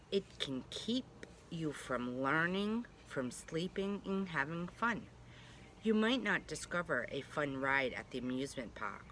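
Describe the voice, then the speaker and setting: At home, a woman preschool teacher reads a storybook aloud to young children, gentle and reassuring, adding chatty asides. Her voice is low-pitched, and the recording carries a slight hiss or hum.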